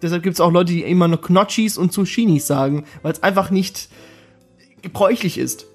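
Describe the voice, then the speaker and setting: A man's voice: sits high, moderate pace, slightly rough, soft background music. A man co-hosting a casual podcast, joking around, laughing often and spelling words out letter by letter. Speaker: podcast co-host. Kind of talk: casual chat.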